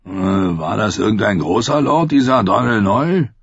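A man playing a booming, laughing wildling chief. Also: normal speed, gravelly, breathy edge, no echo. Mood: roaring jovial. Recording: muffled lo-fi recording.

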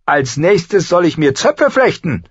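A man voicing an arrogant, cruel young exiled king who is quick to rage, with a shrill, sneering voice. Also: slightly rough, no room sound. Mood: scornful. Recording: slightly dull recording.

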